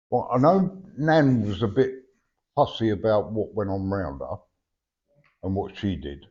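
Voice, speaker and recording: Low-voiced toothless man, dull recording. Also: mellow. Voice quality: toothless, slightly slurred words. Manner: blunt, chatty, often checking with "yeah?". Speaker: spirit medium giving a reading. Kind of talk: live mediumship reading, conversational. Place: live event before a sitter.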